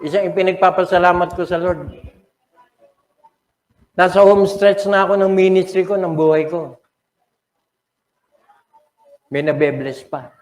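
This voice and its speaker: A man's voice: sits high, darkish tone. An older man with a Filipino accent, a pastor preaching an emotional, dramatic sermon in a church. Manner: emotional, dramatic preaching mixing English and Tagalog. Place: church sanctuary. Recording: echoey church hall.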